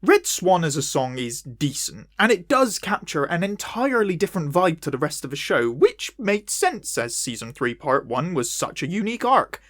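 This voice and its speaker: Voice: medium pitch, moderate pace, hardly any pauses, no room sound, studio quality. A performer voicing a dorky little male puppet who reviews anime, speaking with a West Country accent in a jokey, self-mocking way. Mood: lively. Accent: West Country English. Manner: wildly swooping, animated delivery. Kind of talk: comedic video review.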